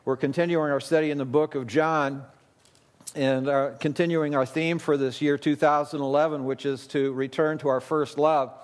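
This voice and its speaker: A man's voice: on the high side, steady tone, normal speed, in a large hall. Man preaching at a pulpit microphone. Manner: conversational preaching with easy asides. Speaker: pastor. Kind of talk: sermon.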